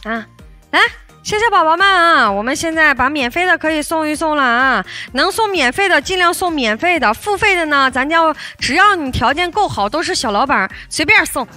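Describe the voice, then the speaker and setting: A young woman hosting a livestream, coaxing viewers to send gifts in a lively way with frequent laughter. Her voice is slightly hoarse. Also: high voice, normal speed. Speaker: livestream host. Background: loud backing music.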